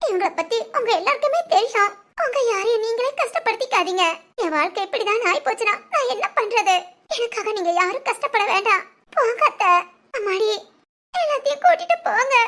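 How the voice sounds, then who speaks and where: A woman voicing a gentle, tearful young bride in a village drama, soft and pleading. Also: very high voice.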